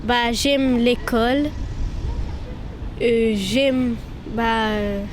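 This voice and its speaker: A twelve-year-old girl from Romania, talking hesitantly about her arrival in France. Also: on the high side. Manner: slow, hesitant. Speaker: interviewer. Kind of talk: telling her story. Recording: street noise.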